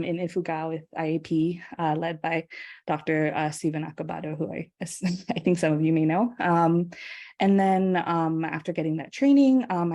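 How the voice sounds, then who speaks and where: A woman's voice: low-pitched, mellow. A young woman from Singapore giving an online guest lecture, chatty and casual with many ums and small laughs.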